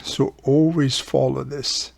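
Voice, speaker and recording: Hosting a radio repair video, a man explains a hands-on fix one step at a time in a relaxed way, going back over the important points. He has a husky, gravelly, medium-pitched voice, and he talks slowly and flatly.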